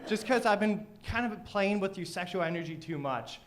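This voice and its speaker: Brash high-voiced young comedian. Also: male voice, lively intonation, moderate pace. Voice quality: thick, mushy pronunciation. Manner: brash, profane, teasing the crowd. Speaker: stand-up comedian; teacher. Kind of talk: open mic stand-up. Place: small comedy studio stage.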